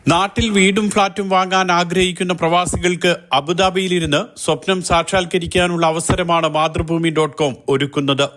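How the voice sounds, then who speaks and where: Higher-pitched male news reporter. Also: normal speed, few pauses. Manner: even, formal reading. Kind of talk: scripted news narration.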